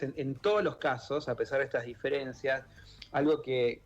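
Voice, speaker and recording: A medium-pitched male voice, recorded with lo-fi sound, belongs to a radio interview guest speaking Rioplatense Spanish. He's an author and member of an exile-children group, Italian-born and Argentine-raised, and he talks thoughtfully while restarting and using many fillers.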